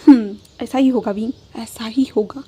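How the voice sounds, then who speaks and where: Possessive mafia guy, smug and pushy, high soft voice, woman reading it out. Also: a little fast. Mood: gloating. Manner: pleading then gloating, emphatic. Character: possessive young male mafia boss, menacing.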